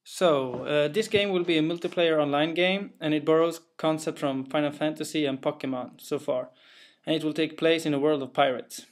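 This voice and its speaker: Speaking at a normal pace in a voice on the high side, a young Swedish man guides viewers through a game he developed. His accented English is careful and plain, with some hesitation and fillers.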